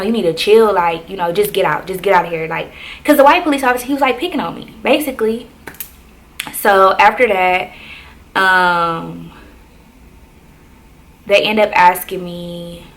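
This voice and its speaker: A woman's voice: lowish voice, fairly bright tone, a little hiss or hum. Young woman telling a story casually. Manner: conversational, many fillers like "like" and "um". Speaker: vlogger.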